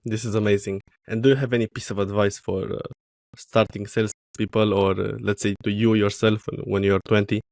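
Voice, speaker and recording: Podcast host: man, low gravelly voice, hesitant questioning, dry sound. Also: flat delivery, fairly quick, a little mellow, no echo. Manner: hesitant, with restarts and laughs. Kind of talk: interview questions.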